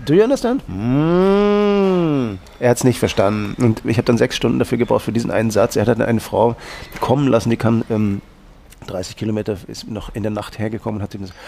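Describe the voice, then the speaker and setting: Austrian man, gravelly voice, rambling interview guest, faint hiss behind. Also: lowish voice, level tone, fast talker, darkish tone. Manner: rambling and anecdotal, with many restarts. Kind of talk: casual interview talk.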